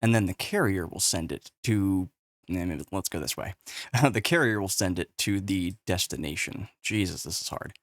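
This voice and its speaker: A man's voice: sits low, lively intonation, moderate pace, a bit bright, no room sound, studio quality. A man casually explaining tech on a whiteboard, exasperated and profane, recorded on a webcam. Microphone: webcam with face overlay.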